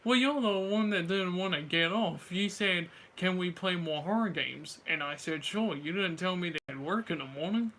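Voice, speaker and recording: A man's voice: high voice, moderate pace, few pauses, sharp tone, a little hiss or hum. A man chatting casually with a friend about everyday things, in slangy, informal speech. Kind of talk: casual chat.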